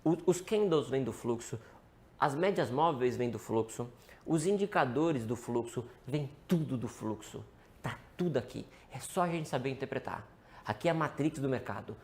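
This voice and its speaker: A man's voice: medium pitch, expressive, normal speed, a little mellow. A man with a Brazilian Portuguese accent teaching day trading in a live-streamed lesson, asking and answering his own questions and calling out to his viewers.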